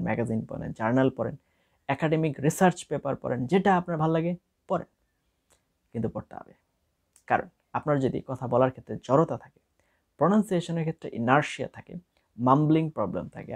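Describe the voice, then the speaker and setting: Casting: young adult Bangladeshi-accented man, tutor voice, quick delivery, gravelly texture, mixes English phrases into his lesson. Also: medium pitch. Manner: explaining with many English phrases mixed in. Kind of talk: spoken lesson to camera.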